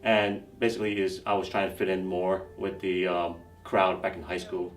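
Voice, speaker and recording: A man from New York, an army sergeant, speaking hesitantly with frequent pauses. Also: low voice, level tone, slight background noise. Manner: hesitant, many ums. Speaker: army sergeant first class. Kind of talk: interview testimony. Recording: distant mic, faint music.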